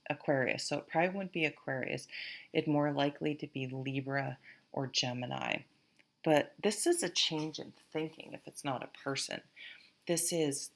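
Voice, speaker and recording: Low, gravelly woman with a Vermont accent. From Vermont, USA. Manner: halting, rambling, thinking aloud. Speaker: tarot reader, host. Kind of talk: casual, unscripted tarot reading to camera.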